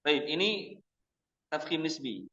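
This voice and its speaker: A man teaching Quran recitation at a mosque, with a fairly high voice and a very slow, deliberate delivery. He drills sounds one at a time, setting right readings against wrong ones. The recording is dull and lo-fi. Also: big pitch swings, bright, forceful tone. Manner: slow, deliberate, repeats each sound several times. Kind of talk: Quran pronunciation lesson. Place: mosque study session.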